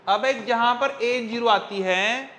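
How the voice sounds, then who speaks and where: A man teaching a physics class, quizzing his students constantly in a coaxing, brisk way. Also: extremely high pitch, bright, forceful tone. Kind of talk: classroom lecture.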